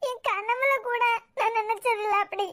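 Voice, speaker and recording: A woman's voice: very high-pitched, steady tone, normal speed, fairly bright tone. A woman voicing a heartbroken young woman in a cartoon series, crying and pleading, with a Kanyakumari Tamil accent. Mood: tearful. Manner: tearful, pleading.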